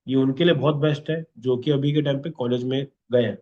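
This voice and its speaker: A male instructor with a medium-pitched, dark voice speaks briskly with fairly even intonation, and the audio sounds dull. Teaching a class, he asks "okay?" after almost every point.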